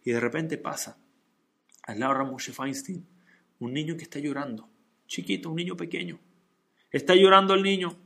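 Male Torah teacher, somewhat high, gravelly voice, lively storytelling. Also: moderate pace, long pauses. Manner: animated, acts out dialogue in story. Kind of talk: religious lesson with storytelling.

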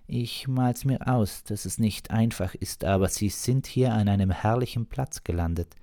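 A man's voice: fairly low pitch, normal speed, mellow, dry recording, clean studio sound, pitched above the performer's own voice, lightly acted. A man voicing a talkative village woman who chats unbothered and bosses the young cook about. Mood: chatty. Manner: chatty, bossy, unbothered. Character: chatty bossy village woman.

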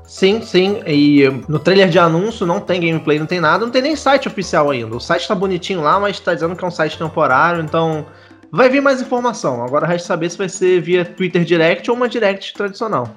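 A man's voice: sits high, animated, fast talker, a bit bright, soft background music. A man with a Brazilian Portuguese accent chatting casually as a podcast guest. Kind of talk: casual chat.

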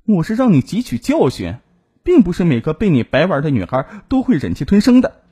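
A shrill, furious young woman spits out accusations and threats in a husky, warmly dark voice, as a male storyteller puts her on. She is loud, high and forceful in every word. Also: huge pitch swings, a little fast, full character voice. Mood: scornful. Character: jilted furious young woman demanding money.

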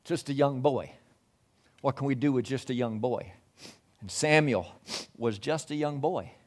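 A man in his sixties preaching a sermon, telling Bible stories, acting out the voices and rising loud at the high points. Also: measured pace. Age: 60s. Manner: storytelling preacher who acts out voices and swells loud at climaxes. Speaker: pastor.

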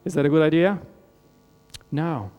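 High-pitched preacher from Romania in a reverberant hall. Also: male voice, measured pace. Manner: earnest preaching with rhetorical questions, voice dropping low and soft at phrase ends. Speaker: pastor. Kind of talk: sermon. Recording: long hall reverb with mains hum.

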